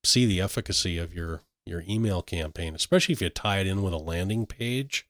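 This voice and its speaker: A man chats through tech news as a podcast host, full of fillers and restarts. His voice sits very low. The sound is dry and close. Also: a little fast, a bit bright, no echo. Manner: chatty, many fillers and restarts. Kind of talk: casual tech chat.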